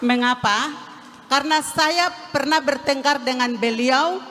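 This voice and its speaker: A woman from Papua speaks on stage at a national meeting in a high voice, earnest and plain-spoken with a dry streak of humor. Her handheld mic carries into a large hall with a long, reverberant tail, and a faint hiss sits underneath. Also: unhurried. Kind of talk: impromptu speech on stage.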